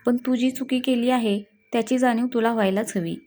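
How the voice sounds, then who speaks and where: A woman's voice: on the high side, fairly even intonation, fairly quick, warm tone, lightly acted. A woman voicing an angry young husband, curt and irritated, in a read-aloud story. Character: angry young husband, brooding and short-tempered.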